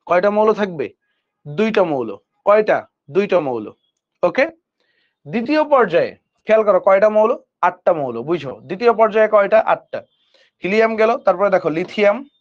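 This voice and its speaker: A man with a Dhaka Bengali accent teaching an online chemistry lecture, asking students questions and having them repeat element names after him. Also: high-pitched. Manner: quizzes students with call-and-response recitation. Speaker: chemistry tutor. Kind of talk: online admission-prep lecture. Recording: dull lo-fi lecture audio.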